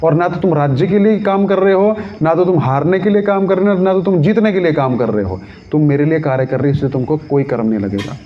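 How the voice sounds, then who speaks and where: Guy giving a scripture talk, bit high voice, dull lo-fi sound, tells stories and does voices. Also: fast, hardly any pauses. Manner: lively storyteller, acts out voices, asks listeners questions. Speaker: Gita lecturer. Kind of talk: devotional scripture talk with storytelling. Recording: dull lo-fi recording.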